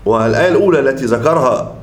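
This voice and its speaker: A man's voice: mid-range voice, animated, very fast. Arabic-speaking man lecturing in an echoey room. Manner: repeats and restarts words, explaining term by term. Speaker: Islamic scholar teaching a creed text. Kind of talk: lecture explaining a classical text.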